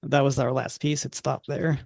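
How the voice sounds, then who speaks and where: A man running a tabletop horror game, speaking for a university official in a relaxed, conversational way. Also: medium pitch, normal speed, creaky. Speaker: game master. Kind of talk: narrating and voicing characters in a tabletop game.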